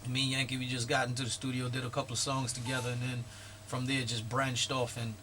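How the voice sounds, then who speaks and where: A man from Guyana, a guest artist talking casually in a radio interview, laid-back and quick to laugh. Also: mid-range voice, flat delivery, background noise. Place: radio studio.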